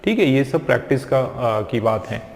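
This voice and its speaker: A man teaching English pronunciation in a classroom lecture, drilling words slowly and repeating them aloud. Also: medium pitch, animated, creaky, a little mellow. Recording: echoey classroom with long reverb.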